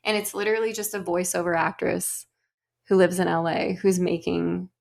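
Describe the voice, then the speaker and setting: A woman co-hosting a podcast, chatting casually in an animated, exasperated, sardonic way. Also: on the low side, normal speed, gravelly. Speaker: podcast co-host. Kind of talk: casual chat.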